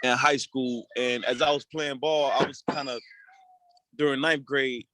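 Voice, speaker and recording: A man's voice: medium pitch, steady tone, unhurried, pushed and bright, a little hiss or hum. A young man from Puerto Rico, a rap artist, telling his story in a laid-back, slangy way as an interview guest. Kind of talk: casual interview talk.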